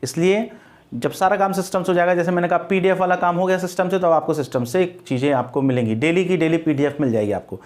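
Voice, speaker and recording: A man's voice: fairly high pitch, quick pace, a little mellow. A man teaching an online English grammar lesson, explaining patiently and reassuring his students, spelling words out letter by letter. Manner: mixes English terms into his talk.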